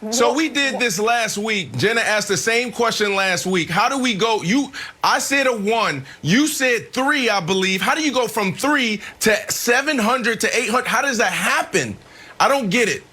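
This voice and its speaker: A man's voice: sits high, animated, normal speed, pushed and bright, breathy edge. A man on a sports debate panel, pressing with incredulous questions.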